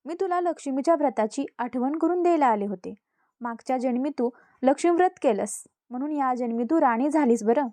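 A wise old woman, patient and earnest, who lays out instructions step by step, as a woman narrator puts her on. Her voice is high but mellow, close and dry. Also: a little fast, no echo, close to an everyday voice.

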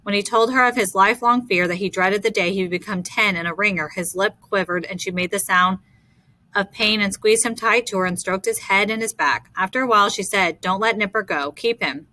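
A woman narrating a novel chapter for an audiobook in steady, measured storytelling. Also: mid-range voice, no echo. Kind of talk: scripted narration.

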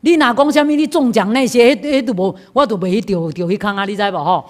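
A woman with a Taiwanese accent giving a Buddhist talk, telling a personal story in a lively way with laughs, repeats and frequent asides to the audience. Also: fairly high pitch, quick pace. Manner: lively anecdotal telling, laughs, repeats herself, asks "you know?". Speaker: Buddhist lecturer. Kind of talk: storytelling sermon.

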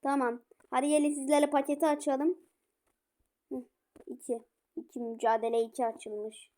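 A woman playing a football video game, commenting and shouting at her players. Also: sits high, flat delivery, normal speed. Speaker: gaming streamer.

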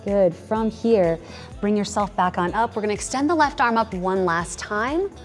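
Woman trainer, thirties, mid-pitched, encouraging yoga cues over faint music. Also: expressive, normal speed. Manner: encouraging, upbeat cueing. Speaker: fitness trainer. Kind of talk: guided yoga instruction. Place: large indoor home gym studio.

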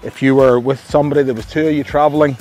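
Racing along in a mid-range, darkish voice with fairly even intonation, a middle-aged Australian man reviews camping gear outdoors at a tree-lined campsite. He's chatty and enthusiastic, often starting his sentences over, while faint music sits behind him.

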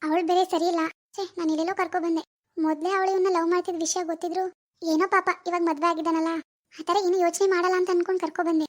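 A woman speaks at a racing pace with an extremely high pitch and flat delivery. She is acting out an amateur family drama as an older mother-in-law, soothing her daughter-in-law yet turning her against her son, and sounds concerned.

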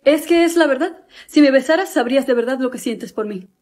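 A woman's voice: high-pitched, lively intonation, a little fast, darkish tone. A woman playing a lovesick young man who keeps pleading with the girl he adores. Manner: pleading, persistent.

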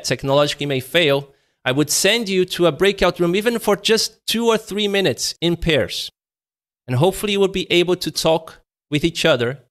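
A man in his thirties presents a live webinar from home, heard through a video call webcam. His voice runs on the high side, and he talks conversationally while swinging between bright, lifted lines and quiet, slowed-down ones to demonstrate what he's teaching.

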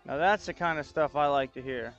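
A man's voice: a little high, fairly quick, a bit bright, dull audio, soft background music. Frustrated man chatting on a livestream. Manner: frustrated, talks to chat while fixing tech trouble; chatty, thinks aloud. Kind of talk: casual livestream chat.

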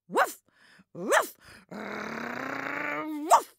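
A small, excitable puppy voiced by a woman yaps in sharp, high barks that jump wildly in pitch. It is a storybook reading for young children, with the little dog's voice bright, eager and shrill. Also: measured pace, dry recording, clean studio sound, exaggerated voice. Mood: barking.

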